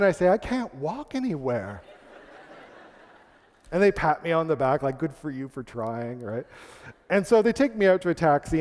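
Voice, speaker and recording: A man's voice: fairly high pitch, a little mellow. A man from Canada telling a comic, self-deprecating story on stage as a speaker. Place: large hall, on stage. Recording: long hall reverb.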